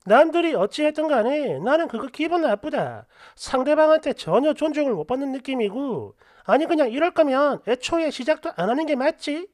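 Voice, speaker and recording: A woman narrating online posts and their comments for a story channel, expressive and quick with sharp asides. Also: high voice, no echo, studio quality.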